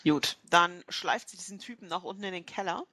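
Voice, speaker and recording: A woman's voice: lowish voice, brisk, pushed and bright. A woman playing a tabletop role-playing game, hesitant with many fillers and casual swearing. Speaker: player.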